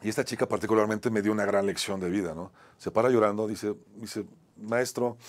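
A man with a Mexican accent, an acting teacher who tells a personal story on a talk show. He often ends phrases with a tag question and moves between a strong voice and a soft one. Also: fairly low pitch, fairly even intonation, fast talker. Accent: Mexican Spanish.

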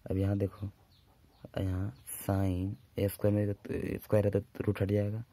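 A man teaching a maths lesson at a whiteboard. He dictates formulas slowly and drawn out, with brisk asides to his students. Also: lowish voice, completely flat delivery, mellow.

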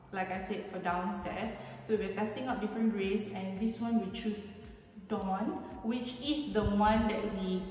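Echo from empty, bare rooms trails long behind this woman's mid-range voice, heard from a distant mic. She's a home renovation vlogger from Malaysia on a casual house tour, chatty and explanatory, gesturing and saying "um" a lot, sitting a little away from the handheld camera a few feet off.

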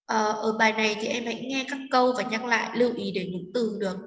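A woman teacher patiently explaining a textbook exercise to students, often pausing with fillers and asking if they follow. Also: fairly high pitch. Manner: patient, explanatory, with frequent hesitation fillers and check-in questions. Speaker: English teacher. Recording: echoey room, mic far off, faint noise.

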